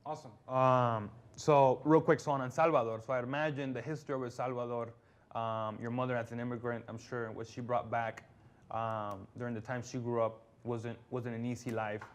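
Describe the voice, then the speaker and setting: A male radio host asking questions in a loose, meandering way, with many ums and restarts along the way. His voice sits at a middling, ordinary pitch. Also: little pitch movement, normal speed. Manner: rambling, filler-heavy questions. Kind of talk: casual interview questions.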